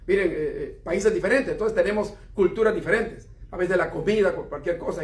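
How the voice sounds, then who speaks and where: A middle-aged man preaching a sermon in a church, talking conversationally and often asking his listeners rhetorical questions. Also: high voice. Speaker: pastor. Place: church hall. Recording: echoey room, voice from far off.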